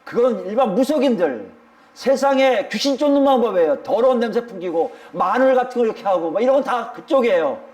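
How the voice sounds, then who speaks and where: High, lively-voiced male preacher. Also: a little fast. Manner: emphatic, addresses the congregation directly. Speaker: pastor. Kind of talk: sermon.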